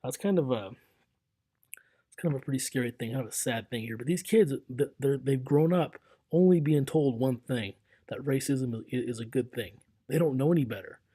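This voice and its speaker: A man's voice: mid-range voice, moderate pace, warm tone, breathy edge. A young man lecturing casually over slides as a history teacher, talking in a loose, conversational way with fillers and restarts.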